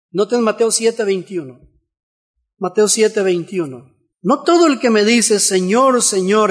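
A man preaching a sermon in church, repeating phrases for emphasis and asking rhetorical questions. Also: very high voice.

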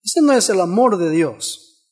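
A man delivers a church sermon in a remarkably high voice. He drives each point through repeated phrases and rhetorical questions, reading scripture aloud along the way. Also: animated, a little slow, a little mellow, husky. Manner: emphatic repetition and rhetorical questions. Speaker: preacher.

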